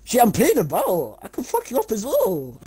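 A young man streaming a game and chatting with friends, excitable, yelping and laughing often. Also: very high-pitched, normal speed, faint music behind. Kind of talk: casual gaming chat with friends.

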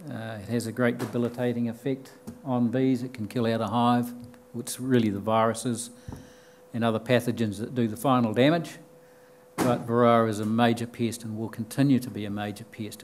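A man's voice: medium pitch, slight background noise. An older man with a New Zealand accent giving a conference talk from a podium, explaining plainly with frequent ums and restarts. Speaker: conference speaker. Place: lecture room with bookshelves and audience. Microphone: podium mic.

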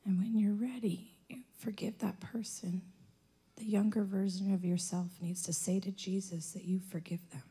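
A young woman speaking on a church stage with a handheld mic, gently coaching the congregation through a guided prayer. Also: medium pitch, little pitch movement, normal speed, husky.

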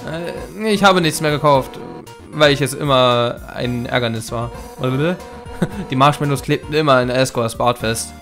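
A man's voice: medium pitch, measured pace. A man reading the lines of a fierce, brash female fish warrior captain in a game, in boisterous bursts, with faint game music behind. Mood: hasty. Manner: boisterous, loud bursts, chuckling. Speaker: Let's Play gamer reading dialogue. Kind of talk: reading game dialogue aloud.

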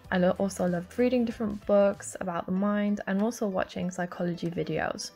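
A woman's voice: on the low side, creaky. A young woman student, originally from Lithuania, narrating her university journey in a friendly, earnest scripted voice-over. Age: 20s.

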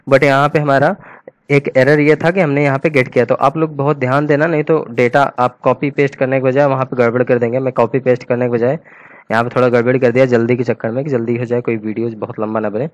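Man thinking aloud through a coding tutorial. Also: fairly high pitch. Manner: casual, thinks aloud while typing, mixes English terms into Hindi. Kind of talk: screen-recorded coding tutorial.

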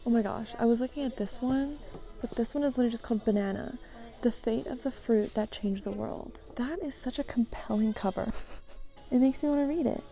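A woman's voice: a little high, fairly quick, warm tone, faint music behind. A woman vlogging casually as she browses books in a thrift store, chatty and giggly, musing half to herself. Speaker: book vlogger. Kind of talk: casual chat while browsing.

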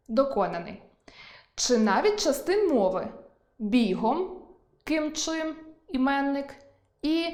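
A woman teacher giving an online school lesson, slowly stressing words to show where the accent falls. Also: high-pitched, a little mellow, reverberant.

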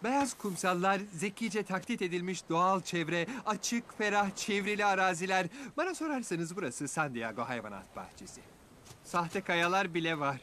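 A man's voice: high voice, lively intonation, normal speed, bright, forceful tone. A man voicing a nervous, know-it-all male giraffe in a cartoon dub, fussy and explaining. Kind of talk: cartoon dubbing. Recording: noisy soundtrack.

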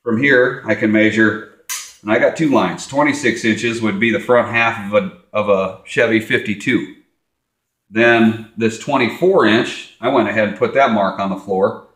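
A man's voice: on the low side, moderate pace, fairly bright tone. A middle-aged man hosting a casual how-to demonstration in a garage workshop, plain-spoken and practical, repeating phrases as he works. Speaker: host. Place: large garage workshop, indoors. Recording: echoey garage.

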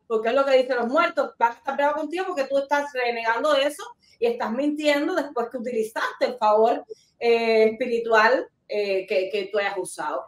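High-voiced woman host, roomy sound. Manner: animated, scolding commentary. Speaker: talk show host. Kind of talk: casual talk-show commentary. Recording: roomy, distant mic.

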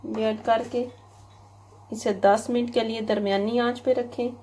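Flat-voiced woman narrating a home recipe. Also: a little high, low-quality recording. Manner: plain, unhurried instructional delivery. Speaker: cooking channel host. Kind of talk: step-by-step recipe voice-over. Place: home kitchen. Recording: loud cooking noise behind voice.

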